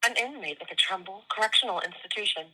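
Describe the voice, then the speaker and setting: A woman's voice: medium pitch, quick pace, bright, forceful tone, low-quality recording. A recorded woman's voice on a prison phone system, reading call announcements in a formal, clipped way. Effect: recorded prison phone system message.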